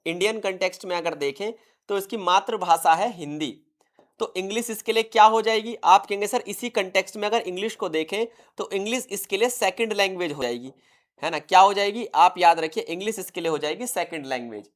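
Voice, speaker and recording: A man's voice: sits high, fairly quick. Man, teacher, exam-prep lecture, asks and answers his own questions, repeats key terms.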